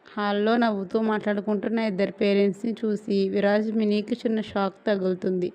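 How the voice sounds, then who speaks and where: A woman narrating a serialized story aloud, expressive with playful asides. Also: medium pitch, a little fast.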